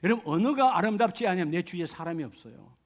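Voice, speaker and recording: Lively high-voiced preaching man. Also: quick pace. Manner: conversational preaching, frequent rhetorical questions to the congregation. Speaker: pastor. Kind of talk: sermon.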